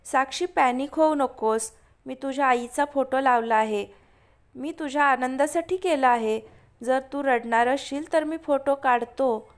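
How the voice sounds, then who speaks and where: A woman's voice: high voice, measured pace. A woman voicing a playful, teasing young husband in a spoken story. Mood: soothing. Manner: gentle, teasing.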